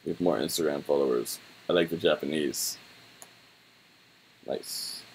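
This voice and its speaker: A man's voice: a bass voice, a little slow, slight background noise, poor audio. A young man thinking aloud in a casual, laid-back and slangy way as he reviews what is on his screen. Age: young adult. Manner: informal, rambling, laid-back slangy talk. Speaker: website reviewer. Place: small room indoors.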